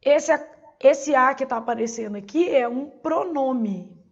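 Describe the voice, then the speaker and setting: A woman's voice: high-pitched, unhurried, breathy edge, highs cut off. A Brazilian woman teaching a Portuguese exam-prep lesson, asking questions and answering them herself. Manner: didactic, asks and answers her own questions.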